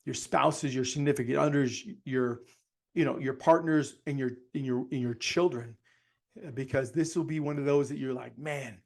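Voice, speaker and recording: A man hosting a podcast, giving an excited intro and talking straight to his listeners. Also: medium pitch, moderate pace, vocal fry. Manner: hyped, addresses listeners directly. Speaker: podcast host. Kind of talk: show intro monologue.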